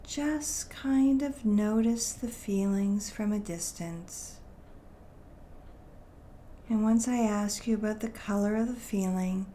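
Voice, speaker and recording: This guided meditation is led by a woman of medium pitch whose delivery is soft and calming, with careful phrasing and long silences. A little hiss or hum runs underneath.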